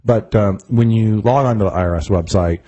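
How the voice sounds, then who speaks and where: A man's voice: fairly low pitch, fairly quick, warm tone, lo-fi sound. A middle-aged man, a tax attorney hosting a radio talk show, explaining things in a casual way with wry asides.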